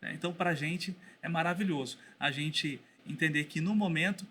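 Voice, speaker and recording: Man, fairly high bright voice, podcast guest, thoughtful with restarts, faint noise. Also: normal speed. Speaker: guest, Bible school teacher. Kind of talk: casual podcast conversation.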